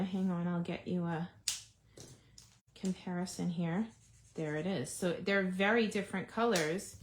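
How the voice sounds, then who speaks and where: Woman, live craft-demo host, mid-pitched, chatty and thinking aloud with viewers. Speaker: card-making demonstrator.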